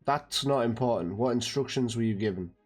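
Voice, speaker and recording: A man's voice: medium pitch, fairly quick, a little mellow, slightly rough, soft background music, natural voice. A man playing a blunt adventurer who coldly interrogates a prisoner in a tabletop game. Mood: dismissive. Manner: blunt, threatening.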